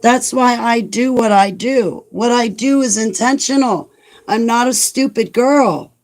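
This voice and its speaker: Casually chatting to viewers as she reads their live comments, a vlogger in her forties rambles and mocks herself, peppering her speech with "like." Her voice is a little high with a darkish tone, and she speaks a little slowly.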